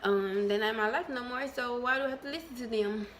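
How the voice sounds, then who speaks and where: A woman talking to her viewers in a casual vlog, candid and chatty, calling them y'all, with lots of ums and pauses. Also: on the high side, fairly bright tone, slight background noise. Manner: many ums and trailing pauses. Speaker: vlogger.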